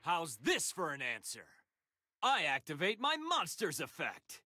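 A man's voice: on the high side, wildly swooping pitch, bright, forceful tone, heavily acted. A man voicing a determined, hopeful young hero duelist in an anime card game, earnest and emphatic. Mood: resolute. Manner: earnest, emphatic, slow deliberate battle declarations. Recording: game music behind the voice. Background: game music.

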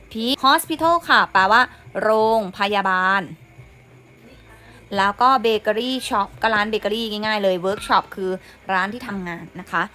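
A woman's voice: medium pitch, pushed and bright. A young woman teacher, patiently explaining English exam questions word by word, repeating each word and its meaning. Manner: patient, repeats words and meanings, says "นะคะ" often.

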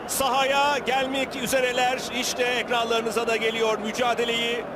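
A Turkish man commentates on live football over loud outdoor noise. His voice sits extremely high for a man, and he delivers the play in urgent, dramatic bursts as an excited, screaming commentator. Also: normal speed. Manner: screaming, excited shouting at chances and goals.

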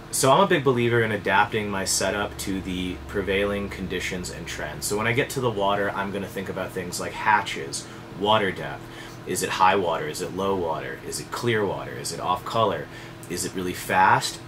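A man in his thirties, a fly fishing guide, explaining things to camera in a relaxed, conversational way with casual fillers, seated at a desk indoors. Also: low-pitched, moderate pace, background noise. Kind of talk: direct-to-camera instructional talk.

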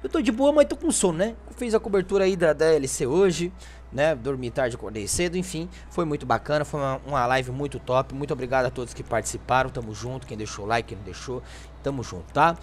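A Brazilian man with a mid-range voice and lively intonation hosts a gaming channel, speaking a little fast over slight background noise. He gives a casual, chatty video game walkthrough in informal speech, peppered with little check-in tag questions.

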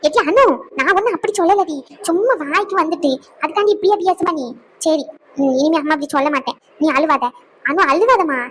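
A woman's voice: very high-pitched, a little fast, slight background noise. A woman voicing an older cartoon mother, pleading and coaxing her tearful daughter over the phone. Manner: pleading, coaxing, scolds herself. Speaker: cartoon voice actor. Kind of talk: cartoon skit voice acting.

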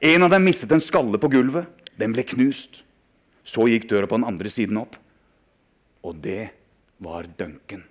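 A man with a low voice reads a passage from a novel aloud. He tells it in a hushed, dramatic way, letting the tension build in his voice. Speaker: author reading aloud. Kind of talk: dramatic reading of a novel excerpt.

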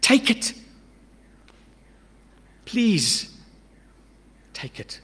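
A middle-aged man preaching a sermon from a church stage into a stand mic, emphatic, swinging between urgent loud lines and hushed asides. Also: high voice, big pitch swings, very slow, husky. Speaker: pastor. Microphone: stand mic at a pulpit. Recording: long church-hall reverb.

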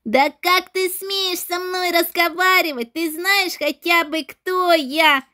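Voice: very high-pitched, steady tone, slow pace, bright, forceful tone, heavily acted. A performer voicing an arrogant schoolboy in a game role-play, boastful and mocking toward classmates. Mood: indignant. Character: arrogant schoolboy who calls himself the coolest.

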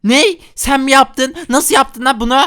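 A man's voice: very high voice, level tone, measured pace, sharp tone, clean tone, exaggerated voice. A man voicing a hot-tempered, easily scared father in a Minecraft role-play, frantic and talking to viewers. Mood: scolding. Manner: frantic, exclaiming, talks to viewers.

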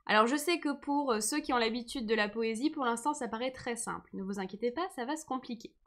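A woman's voice: on the high side, fast talker. A woman teaching a live online lesson, patient and encouraging, who says she is tired today. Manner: patient, encouraging, reads comments aloud.

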